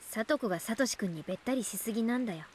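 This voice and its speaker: A woman's voice: on the high side, lively intonation, very fast, slight background noise, natural voice. A woman playing a teenage schoolgirl who hides resentment behind feigned concern, in a Japanese visual novel. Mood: curt, resentful.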